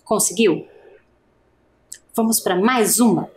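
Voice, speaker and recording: A woman's voice: mid-range voice, takes it slowly. A woman teacher giving an adult literacy lesson, speaking patiently and stretching out each vowel sound.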